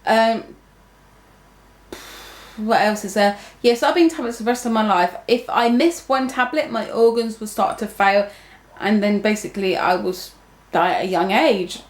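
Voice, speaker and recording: Recorded in an echoey room, a young vlogger chats casually to her viewers at normal speed in a medium-pitched voice. Her talk meanders, full of fillers and false starts.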